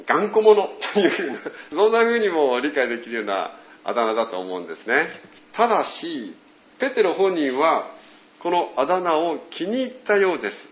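Lively storytelling male preacher. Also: medium pitch, roomy sound, lo-fi sound, a little hiss or hum. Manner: lively storytelling with animated voiced quotes. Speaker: pastor. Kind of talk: sermon.

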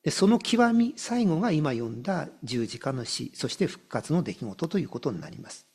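A male pastor delivers a sermon in a gravelly, husky voice that sits a little high for a man. His pitch swings widely as he reads scripture and explains it. He repeats key phrases and slows right down on the words that matter. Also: sing-song, a little mellow.

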